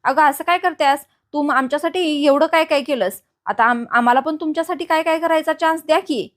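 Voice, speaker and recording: A woman's voice: high voice, a little fast, close to an everyday voice. Woman retelling as a pushy scheming young man. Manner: pushy, insistent. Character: scheming young man, a factory owner's brother.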